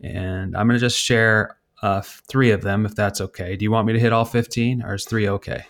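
A middle-aged man with a somewhat low voice co-hosts a podcast. He reads articles aloud in a relaxed, teasing way, adding jokey asides. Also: a little fast. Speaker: podcast co-host. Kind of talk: casual comedic chat.

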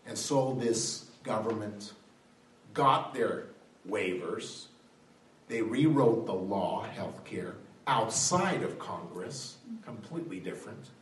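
With a lowish, animated voice and a slow pace, a man speaks passionately on politics to a live audience, throwing out rhetorical questions and rising to emphatic peaks. The recording has a roomy hall sound, a far-off mic, faint ambience and a little hiss or hum.

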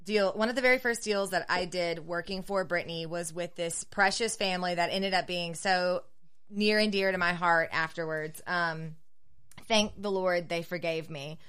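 Smooth-voiced woman realtor. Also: lowish voice, normal speed. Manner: chatty storyteller, animated when quoting clients. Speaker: realtor and co-host. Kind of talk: casual podcast chat.

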